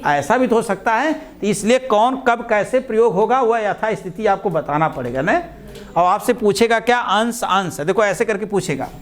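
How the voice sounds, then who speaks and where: A male teacher with a fairly high voice lectures to a class. He speaks with a slight tinge. He is patient, drawing words out and repeating them so his students can follow. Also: animated, a little hiss or hum. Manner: patient, repeats words slowly, addresses students as "babu" and "beta".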